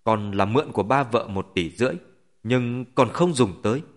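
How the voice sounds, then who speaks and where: A man's voice: mid-range voice, normal speed, lightly acted. A man voicing an earnest, remorseful young husband in an audiobook, firm and sincere. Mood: explaining.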